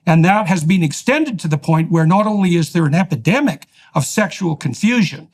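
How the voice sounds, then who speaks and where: A man hosting a heated interview, pressing his points forcefully in long, winding sentences. His voice sits a little higher than most men's. He stacks clause upon clause without letting up. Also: lively intonation, fairly quick. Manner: emphatic, forceful arguing in long run-on sentences. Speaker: podcast host.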